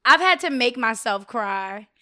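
A woman co-hosting a casual podcast chat, relaxed and reflective. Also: fairly high pitch, unhurried. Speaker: podcast co-host.

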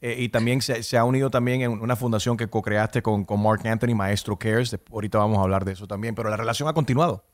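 A man's voice: on the low side, steady tone, fast talker, few pauses, no echo, clean studio sound. A man interviewing a guest and asking eager follow-up questions.

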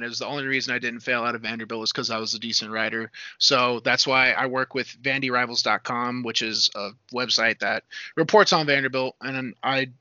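A man's voice: medium pitch, pushed and bright, no room sound. A man in his twenties, a guest on an interview podcast, chatting casually in an easygoing, rambling way with frequent restarts. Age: 20s. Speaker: podcast guest, judo coach. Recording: dull lo-fi recording.

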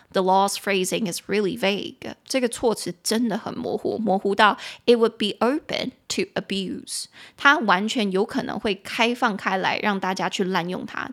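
A woman hosting a podcast English lesson. She switches between Mandarin and English, repeats phrases slowly, spells words letter by letter, and adds frank personal opinions. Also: medium pitch. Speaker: podcast host and English teacher.

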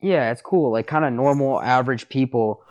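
Young American male podcast guest, mid-pitched, casual bro-style storyteller, lots of "dude.". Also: normal speed, a little mellow, muffled recording. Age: young adult. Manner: laid-back bro talk peppered with "dude" and "like". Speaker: podcast guest, sports podcast host. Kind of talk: casual chat, telling stories.

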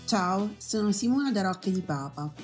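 A woman's voice: mid-range voice, lively intonation, moderate pace, soft background music. A woman opening a podcast with a welcoming scripted introduction. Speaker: podcast host.

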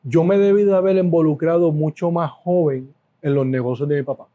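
A middle-aged man with a Puerto Rican accent, a food business owner telling stories as an interview guest, animated and repeating words for emphasis. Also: fairly high pitch, brisk, narrow, tinny audio. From Puerto Rico. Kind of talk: casual interview storytelling.

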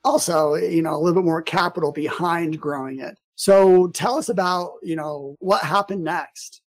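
A man's voice: on the high side, steady tone, normal speed. Male podcast host, easygoing interviewer, lots of "uh"s and restarts. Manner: chatty, lots of fillers and restarts. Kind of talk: casual interview.

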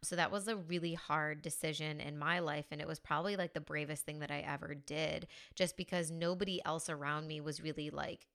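A woman's voice: low voice, steady tone, fairly quick, gravelly, hardly any pauses, a bit bright. A young woman from the United States hosting her own podcast as a mindset coach, talking in a chatty, upbeat way with many fillers. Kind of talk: casual podcast monologue.

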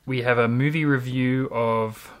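A podcast host with an Australian accent speaks in a medium-pitched voice. The style is casual co-hosted chat with a playful, jokey manner. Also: steady tone, measured pace.

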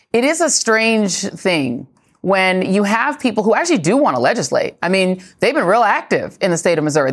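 A woman hosting a live news show, asking guests pointed, probing questions. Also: medium pitch. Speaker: TV news host.

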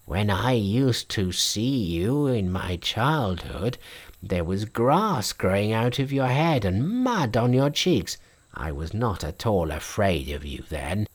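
A man voicing a timid, very old farmer who talks slowly and waveringly in a storybook reading. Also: on the low side, heavily acted. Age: older. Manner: slow, wavering, muttering. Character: timid ancient farmer, a hundred and thirty.

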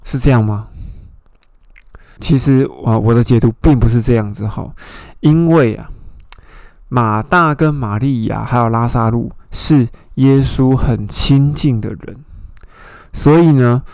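A man with a gravelly, mid-pitched voice leads a Bible study lesson. He retells scripture scenes and stops to ask his listeners pointed questions. The sound is dry and close, with no room echo. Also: a little slow, long pauses, darkish tone. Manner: explanatory, asks the listener rhetorical questions. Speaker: Bible teacher.

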